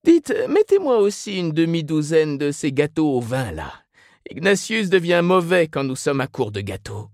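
A man's voice: on the high side, sing-song, normal speed, no room sound, clean studio sound, voice pushed up. A man voicing a weary middle-aged mother who complains and gossips in a drawling, plaintive way.

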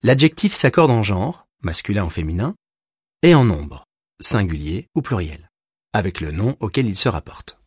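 A man narrating a recorded language lesson, explaining grammar rules with slow, deliberate pauses between words. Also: lowish voice, husky, no room sound, studio quality. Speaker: language teacher.

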